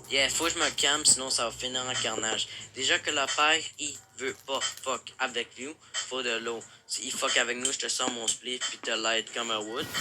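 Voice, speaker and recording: A man's voice: medium pitch, noisy background. A young man with a Québécois French accent, rapping angrily over a beat with a lot of swearing. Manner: flat, angry, profane delivery. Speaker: rapper. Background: loud music beat.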